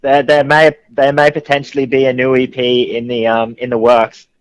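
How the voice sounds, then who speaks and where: A man's voice: mid-range voice, flat delivery, normal speed, clear, resonant tone, no echo. An Australian man with a Queensland accent, speaking casually as a musician being interviewed. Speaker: band musician interview guest. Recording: phone call on radio show.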